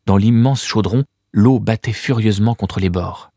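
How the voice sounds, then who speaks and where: A male narrator with a fairly low voice reads a children's novel with measured, vivid storytelling. The sound is close and dry, with no room around it. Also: dark tone, dry recording. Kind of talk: scripted audiobook narration.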